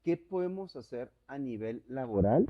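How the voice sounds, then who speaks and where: A man's voice: medium pitch, lively intonation, normal speed. A man with a Mexican accent hosting an interview, asking long, rambling questions that he rephrases as he goes, in casual, slangy speech. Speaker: host. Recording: dull lo-fi audio.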